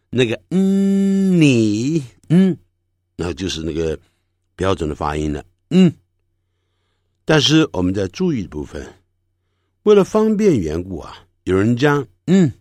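A man's voice: on the low side, no echo, clean studio sound. A man teaching English pronunciation, patiently explaining and drawing out sounds to demonstrate them. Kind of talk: classroom lesson.

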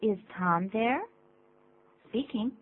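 A woman from the United States, a native English speaker, co-hosting a radio English lesson and calmly modeling phrases. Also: fairly high pitch, slow. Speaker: co-host, English teacher. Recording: tinny lo-fi radio broadcast with faint hum.

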